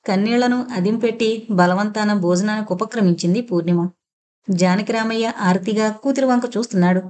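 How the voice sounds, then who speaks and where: Woman narrating an audio novel. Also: mid-range voice. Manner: steady storytelling.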